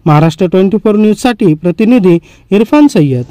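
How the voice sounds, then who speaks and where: A man reading a news report as a voice-over in a measured, formal delivery. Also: high voice, expressive, mellow, no room sound.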